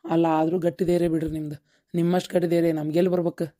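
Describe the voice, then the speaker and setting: Woman doing quick, dark-voiced cartoon relatives. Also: fairly low pitch, level tone, close to an everyday voice. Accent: North Karnataka Kannada. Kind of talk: cartoon voice acting.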